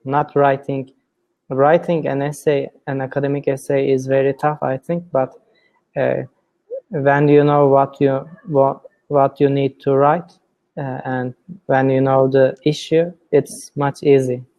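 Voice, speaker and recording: Flat, mellow-voiced man. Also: mid-range voice. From Turkey. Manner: careful, deliberate non-native phrasing. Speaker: student. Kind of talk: English practice conversation.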